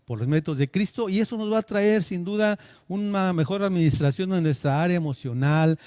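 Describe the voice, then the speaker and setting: A man's voice: sits high, a little fast, dark tone, no room sound. A man preaching a sermon, earnest and asking his listeners questions. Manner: earnest, asks the congregation questions.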